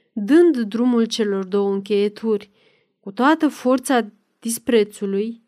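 A woman narrating a dramatic novel in a steady, measured audiobook reading. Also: on the high side.

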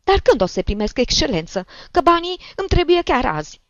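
A pushy old woman whines and scolds in a shrill, squeaky voice. Her pitch leaps wildly up and down, and the sound is close and dry. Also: sing-song, no echo. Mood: complaining. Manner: whining, indignant, loud. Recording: dull lo-fi recording.

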